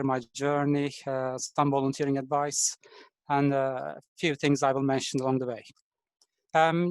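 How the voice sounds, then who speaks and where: A Turkish-accented man from Turkey, a design engineer, gives a friendly but halting online presentation over a video call, full of fillers. His voice is a little high and smooth, and the recording is dry.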